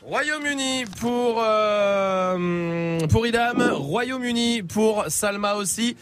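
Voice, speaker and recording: A man hosting a radio quiz game, talking quickly and teasing the players, with lots of "euh" fillers. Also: high voice, a bit bright. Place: radio studio.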